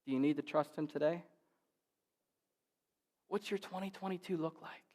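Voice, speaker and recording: A man's voice: on the high side, normal speed, darkish tone, long reverb tail. A male pastor in his forties preaching a sermon in a church, driving his points home with emphatic, repeated phrases.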